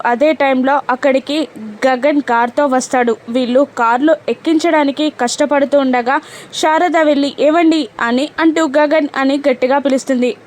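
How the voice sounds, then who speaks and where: Woman narrator, high voice, brisk serial recap, reads dialogue inline.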